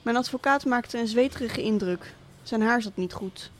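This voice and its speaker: A woman reading a literary monologue as a cynical, wealthy absent father, speaking in a dry, deliberate, sardonic way. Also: fairly high pitch, natural voice. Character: cynical rich middle-aged father, absent tycoon.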